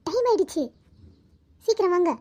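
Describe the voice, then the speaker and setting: A fussy, hurried wife who scolds impatiently, played by a woman. The voice sits high and mellow. The recording is dull and lo-fi.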